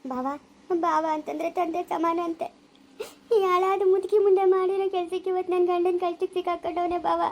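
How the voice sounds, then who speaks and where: A woman's voice: extremely high pitch, steady tone, fast, few pauses, darkish tone. A woman playing a tearful pleading wife. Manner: pleading, wailing. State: crying.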